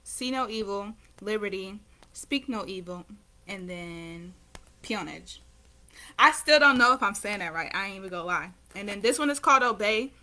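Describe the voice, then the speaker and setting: Her voice is medium-pitched, expressive, pushed and bright, moving at a normal speed on a low-quality recording. The nineteen-year-old vlogger and painter chats to camera in a rambling, conversational way, often self-correcting.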